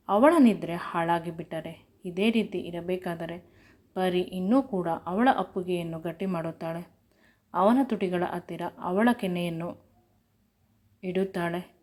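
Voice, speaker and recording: A woman storyteller narrates a serialized romance in a steady, unhurried reading. Her voice sits somewhat low for a woman.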